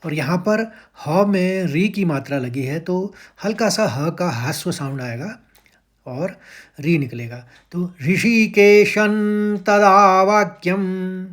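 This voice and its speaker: A man teaching how to recite verses, patiently breaking words into syllables and chanting each line slowly and drawn out. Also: fairly high pitch, animated. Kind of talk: step-by-step chant lesson.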